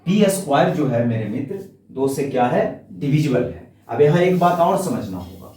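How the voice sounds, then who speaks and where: A man's voice: on the high side, big pitch swings, normal speed, darkish tone. A man teaching a maths lesson in Hindi, explaining step by step, asking questions, answering for his students and calling them "my friend". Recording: echoey room, mic far off.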